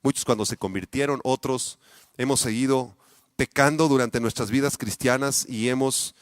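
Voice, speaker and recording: A man with a Mexican accent, a pastor delivering a sermon, speaking straight to his congregation with many rhetorical questions, his voice swinging between loud peaks and quiet, low asides. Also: normal speed, dry recording. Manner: addresses the congregation directly with frequent rhetorical questions.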